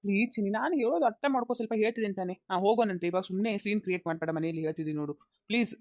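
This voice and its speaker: A woman's voice: mid-range voice, rapid-fire, a little mellow, no echo, studio quality, natural voice. A woman voicing a young husband caught between his wife and his mother, insistent and coaxing, repeating himself.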